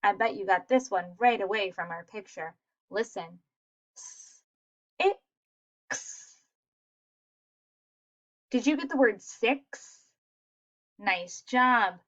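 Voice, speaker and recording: A woman teaching a phonics lesson to young children, sounding out letters slowly and praising answers. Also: medium pitch, fairly bright tone, dull audio. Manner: slow, sounding out letters, encouraging.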